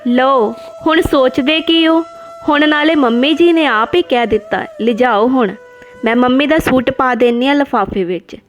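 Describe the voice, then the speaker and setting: A shrill, sharp-tongued young mother, voiced by a woman in a read-aloud play, scolding in a high, biting voice. Faint music runs underneath her lines. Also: moderate pace, natural voice. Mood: impatient.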